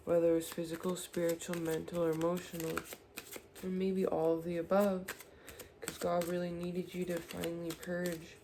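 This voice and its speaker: A woman's voice: on the low side, vocal fry, a little mellow, a little hiss or hum. A woman giving an earnest, reassuring spiritual tarot reading, speaking directly to the viewer. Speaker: tarot reader.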